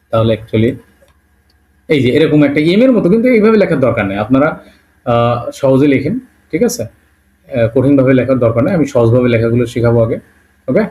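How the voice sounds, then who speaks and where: A patient male teacher walking beginners through an alphabet, one letter at a time. He repeats each sound slowly and keeps checking in with a quick "okay?". English words slip into his explanations now and then. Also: mid-range voice, warm tone. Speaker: language teacher. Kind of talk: Bengali-language alphabet lesson.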